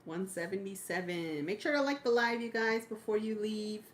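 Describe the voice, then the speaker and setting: A woman's voice: medium pitch, normal speed, a crowd in the background. A woman chatting casually as co-host of a live stream. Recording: clearly noisy, with room ambience.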